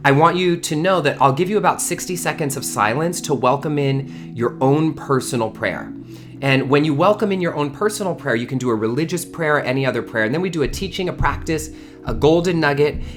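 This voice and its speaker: A man in his early thirties hosts an informal online spiritual community gathering, giving a livestream talk, speaking effusively and repeating words for emphasis. His voice is a little high, animated, brisk and fairly bright, with soft background music.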